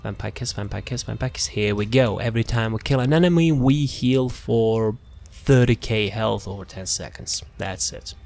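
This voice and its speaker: A man with a fairly low, creaky, darkish voice talks at a normal speed with few pauses. Unscripted and casual, he walks through a video game build, rambling and repeating words and phrases as he searches. Music runs underneath.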